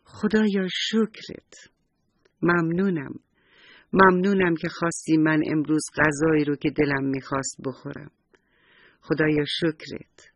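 A man voicing a kind, gentle old woman in a children's bedtime story, with a soft, sighing manner and a husky voice. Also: a little high, fairly even intonation, pauses often, no echo. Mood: grateful.

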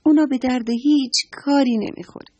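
A woman's voice: high voice, fairly even intonation, dark tone, dull audio, pitched above the performer's own voice. A woman voicing a small playful frog who asks eager, wide-eyed questions in a children's story.

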